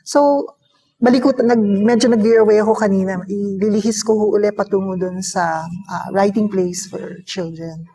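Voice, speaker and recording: A woman's voice: mid-range voice, steady tone, moderate pace, dark tone, slightly rough. A woman interviewer asking long, respectful questions and searching for the right words as she goes.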